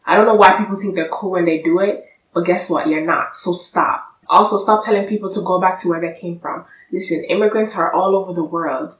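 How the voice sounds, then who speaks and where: A young woman with a lowish voice sits on a sofa indoors, talking directly to the camera in a blunt, sassy vlog where she lectures her viewers. She's recorded by a camera at a distance, so her voice is off-mic and far away in an echoey room.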